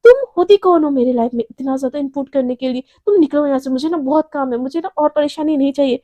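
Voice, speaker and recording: A woman's voice: high voice, level tone, moderate pace, mellow, dry recording, close to an everyday voice. A woman voicing an irritable young woman office worker who talks in a snappish, scolding way, in a told love story. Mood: angry.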